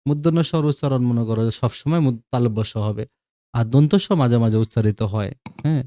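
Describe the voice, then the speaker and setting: A man explaining a grammar lesson to his students, going over each example twice and checking that they follow. His voice sounds warm and relaxed, recorded close and dry with no room sound. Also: medium pitch, quick pace, no echo. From Bangladesh. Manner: explanatory, repeats examples, checks understanding with asides. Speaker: teacher.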